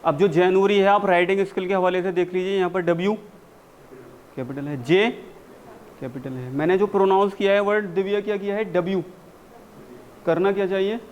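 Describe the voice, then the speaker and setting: A man's voice: high voice, fairly even intonation, brisk, long pauses, a little mellow, slight background noise. A man with an Indian accent teaching spoken English in a university classroom, explaining in Hindi and drawing out his English example sentences. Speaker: English communication coach. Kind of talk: classroom lecture.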